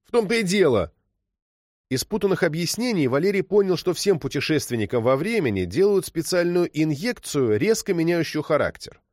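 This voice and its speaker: A man reading a story aloud as narrator, expressive and storytelling. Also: a little high, brisk, no room sound, studio quality. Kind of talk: audiobook reading.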